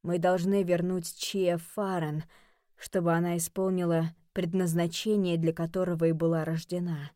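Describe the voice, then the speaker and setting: A woman voicing a solemn male creature who bleats, speaking in a grave, measured way in a storybook reading. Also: lowish voice, little pitch movement, mellow, dry recording, clean studio sound, voice pushed down, close to an everyday voice.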